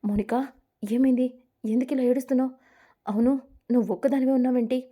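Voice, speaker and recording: A woman plays a caring, protective sister-in-law in a spoken story. She speaks urgently and with concern, in a mellow, slightly high voice. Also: steady tone, fast. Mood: worried. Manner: worried, urgent.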